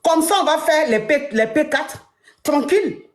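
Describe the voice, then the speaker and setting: High-pitched woman coach acting out the story, big pitch jumps, roomy echo. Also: normal speed, slight background noise. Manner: animated, acts out dialogue with big pitch jumps. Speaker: host, relationship coach. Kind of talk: casual storytelling chat.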